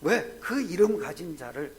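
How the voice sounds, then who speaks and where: A male pastor preaching in a church, his voice pitched high and roaming widely as he fires off rhetorical questions. He drops to hushed asides, then climbs to loud, emphatic declarations, keeping the sermon lively. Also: measured pace. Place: church sanctuary.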